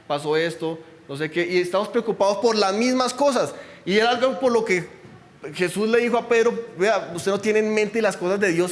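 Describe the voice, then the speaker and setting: In a church, a pastor preaches a sermon in a conversational way, often putting questions to the congregation. His voice sits high and has a big-room sound.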